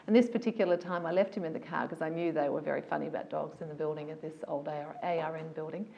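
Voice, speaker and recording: Lively woman voiceover artist. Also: sits low, fast talker, vocal fry, highs cut off, slight background noise. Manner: animated, enthusiastic storytelling. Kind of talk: casual interview talk.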